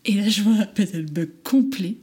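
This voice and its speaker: A woman's voice: medium pitch, quick pace, dark tone, husky. A woman in her thirties telling a personal story candidly and with animation, acting out the voices in it and laughing often.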